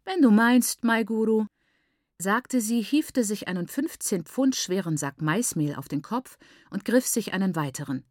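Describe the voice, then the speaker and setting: A woman reading a first-person novel aloud in a measured, clear storytelling manner. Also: medium pitch, lively intonation, no echo, clean studio sound. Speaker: audiobook reader. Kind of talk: scripted first-person narration.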